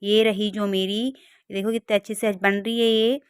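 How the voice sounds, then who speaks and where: A woman's voice: mid-range voice, level tone, normal speed, clean tone, no echo, clean studio sound. A woman in her thirties giving a chatty, cheerful running commentary on her family day for a vlog. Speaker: vlogger. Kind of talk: casual vlog narration.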